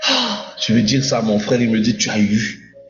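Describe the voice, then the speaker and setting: A man preaching a lively sermon, playful and animated, acting out little scenes as he goes. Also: medium pitch, normal speed, a little hiss or hum. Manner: animated, playful, acts out voices in his stories. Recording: echoey hall, dull sound, faint music.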